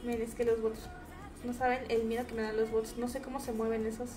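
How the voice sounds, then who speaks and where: A young woman with a Mexican accent giving chatty, casual commentary over her gameplay, now and then breaking into shrill, shrieking outbursts. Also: flat delivery, brisk, over music. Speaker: gaming streamer.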